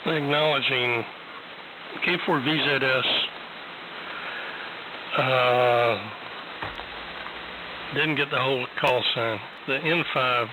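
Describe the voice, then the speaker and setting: A man acting as an amateur radio net host, calling for check-ins in a halting, unhurried way over a radio transmission. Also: medium pitch, steady tone. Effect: ham radio transmission. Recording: very noisy radio with static.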